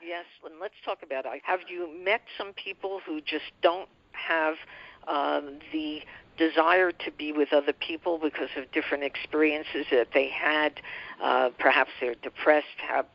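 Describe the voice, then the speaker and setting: A woman's voice: low voice, fairly even intonation, normal speed, creaky, highs cut off. A woman hosting an interview show, encouraging her guest and asking long questions. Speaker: host.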